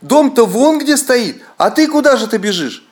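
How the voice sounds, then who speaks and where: Мужчина озвучивает маленьких деревенских мальчиков, тонко и встревоженно зовущих. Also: male voice, very animated, moderate pace. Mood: puzzled. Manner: high, pleading, alarmed. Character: frightened village boys, small children.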